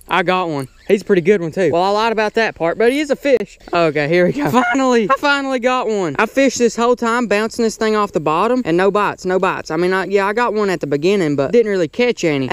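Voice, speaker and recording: Excitable young man fishing. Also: high voice, clean tone. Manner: excitable, exclaiming often. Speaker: fishing vlogger. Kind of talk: casual outdoor vlog commentary. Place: outdoors at a pond bank.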